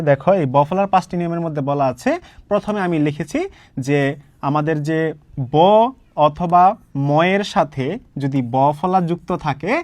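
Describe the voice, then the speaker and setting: A man's voice: a little high, dry recording. A young man from Bangladesh teaching an exam-prep grammar lesson, explaining step by step and asking and answering his own questions.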